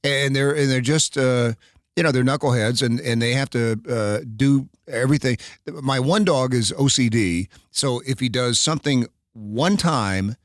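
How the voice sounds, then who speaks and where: A middle-aged man hosting a radio show, chatting casually, animated and quick to laugh, often restarting his sentences. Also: medium pitch, no room sound, clean studio sound. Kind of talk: casual chat.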